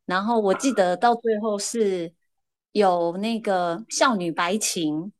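A woman, a guest casually telling lively stories. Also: medium pitch, slow pace. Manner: lively anecdotal, shifting pace. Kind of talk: casual storytelling.

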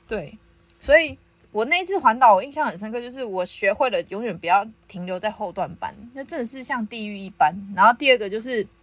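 Young woman, a bit high-pitched, a podcast host telling her own story in casual chat with frequent laughs. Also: brisk, no room sound. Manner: lively, laughs often while telling the story.

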